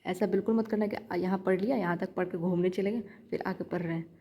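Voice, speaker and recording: A woman's voice: lowish voice, fairly even intonation, quick pace, warm tone. A young woman giving chatty shorthand practice tips in a casual vlog, repeating her points as she coaches viewers. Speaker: shorthand learner vlogger.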